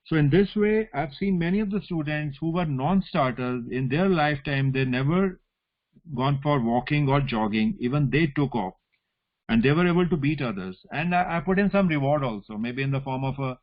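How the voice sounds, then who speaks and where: A man's voice: a little high, animated, moderate pace. A male academic with a North Indian accent explains things informally in an online teaching session. His phrases often end in small checking tags. The sound is a little dull, like call audio. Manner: explanatory, often adds "you know" and "right?" as tags. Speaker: academic lecturer. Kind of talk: informal online lecture with question and answer.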